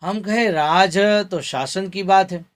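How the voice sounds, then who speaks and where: Slow, deliberate male grammar teacher. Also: high-pitched. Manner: slow, deliberate, repeats example words for pronunciation. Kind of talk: slide-based grammar lesson.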